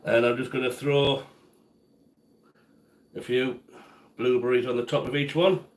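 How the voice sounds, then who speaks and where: Speaking at a measured pace with little pitch movement, a medium-voiced man chats casually while cooking live from his home kitchen and answers viewers by name. The audio carries kitchen echo.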